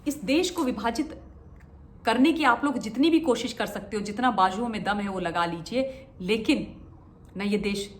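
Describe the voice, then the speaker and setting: A woman's voice: fairly high pitch, normal speed, roomy sound. A woman giving impassioned political commentary, emphatic and repeating phrases for stress, often asking rhetorical questions.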